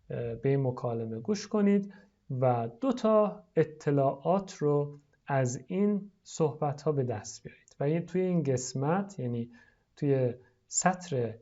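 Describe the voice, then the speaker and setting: A teacher explaining an English lesson in Persian, stretching out English phrases slowly for students to repeat. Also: medium pitch, mellow, muffled recording. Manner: explains slowly, then models English words drawn out for repetition.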